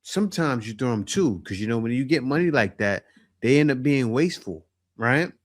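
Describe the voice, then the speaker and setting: A man's voice: mid-range voice, expressive, a little fast. A man giving casual commentary on dating, often tagging his points with a question. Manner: conversational, asks "right?" often.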